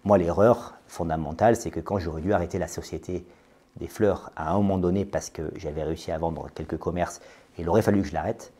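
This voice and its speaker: A man nearing forty talks through a podcast interview in a deep, dark, mellow voice. He hesitates constantly, filling pauses and repeating words as he goes. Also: steady tone, husky. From France. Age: 30s. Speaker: interview guest, business owner.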